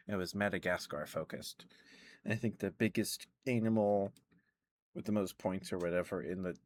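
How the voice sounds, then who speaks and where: Low-voiced man rambling casually. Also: moderate pace, pauses often, a little hiss or hum. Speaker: ASMR live streamer. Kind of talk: casual ASMR rambling to chat.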